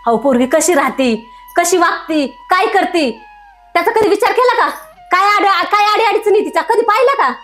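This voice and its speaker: An actress playing a mother who stammers timidly and then speaks out in sharp reproach. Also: high-pitched, moderate pace, lightly acted. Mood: defiant. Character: timid mother turning defiant. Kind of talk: short drama acting.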